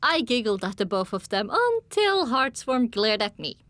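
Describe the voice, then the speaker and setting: A woman narrating a fantasy audiobook in the first person, her voice sitting a little higher than most. She tells the story in an even, measured way. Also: no echo.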